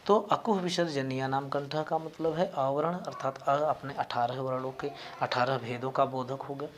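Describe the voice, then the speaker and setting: A man teaching a grammar lesson, explaining slowly and deliberately and spelling out individual sounds one by one. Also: mid-range voice, steady tone, slight background noise. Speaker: Sanskrit teacher.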